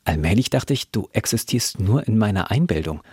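A man reading the part of a gentle, caring bearded artist who asks soft questions. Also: on the low side, lively intonation, a little fast, husky, no echo, studio quality, heavily acted.

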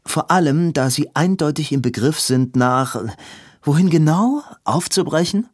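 An earnest, impatient young man as a man reads him aloud, loud and strained, pleading with barely kept manners in a storybook reading. The voice climbs well above the narration, and the sound is dry and close. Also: on the high side, lively intonation, unhurried, no room sound, pitched above the performer's own voice. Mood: exasperated pleading.

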